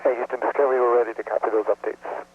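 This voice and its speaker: A man's voice: mid-range voice, very fast, husky. Man on crackly narrow-band space radio. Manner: clipped, flat procedural readback. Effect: crackly, narrow-band space radio link. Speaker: shuttle crew member. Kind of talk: terse radio communications.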